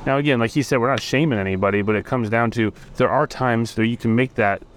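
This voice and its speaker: A man's voice: medium pitch, fast talker, a little hiss or hum. A man who is a chiropractor guest, speaking plainly in a casual chat on an outdoor patio.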